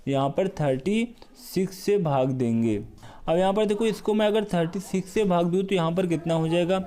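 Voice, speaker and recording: Male math tutor, slightly high, mellow voice; repeats steps, coaching tone for an exam-prep lesson. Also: normal speed. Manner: repetitive, step-by-step explaining, addresses viewers as brother. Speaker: math teacher.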